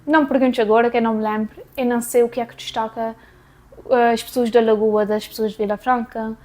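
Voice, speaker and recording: A young woman with a São Miguel Azorean accent, talking casually to her viewers in a chatty, relaxed way. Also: a little high, quick pace. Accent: Azorean, São Miguel island. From Azores, Portugal. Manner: chatty and relaxed, with fillers and small laughs. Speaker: vlogger. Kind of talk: casual talk to camera.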